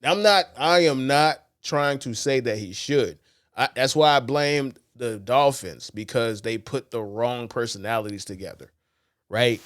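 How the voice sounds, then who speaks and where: A man's voice: medium pitch, unhurried, a bit bright, no echo, studio quality. A man co-hosting a sports podcast in casual talk, blunt and profane, telling stories animatedly and quoting others. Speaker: podcast co-host.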